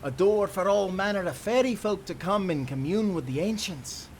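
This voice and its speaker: In an audio roleplay, a man with a high-pitched, expressive voice plays a cheerful, dreamy young sailor who serves as guide and companion, using old-time nautical speech. He speaks at a moderate pace with a wondering mood over slight background noise.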